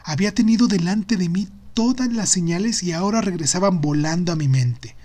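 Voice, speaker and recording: A man reading a literary novel aloud as an expressive audiobook narrator. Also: sits high, brisk.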